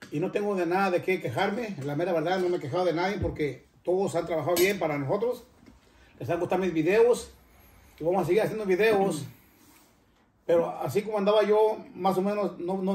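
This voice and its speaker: A man's voice: sits high, a little mellow. An older man, hosting a cooking channel and chatting casually to viewers in a rambling way that often stops and restarts. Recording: roomy, echoey room.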